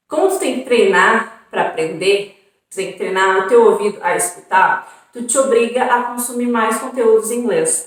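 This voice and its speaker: A young Brazilian woman with a southern Brazilian accent, chatting casually as a vlogger and tossing in frequent tag questions and fillers. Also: mid-range voice. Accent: southern Brazilian Portuguese. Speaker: vlogger on an exchange program. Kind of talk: casual chat. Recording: very echoey room, far from mic.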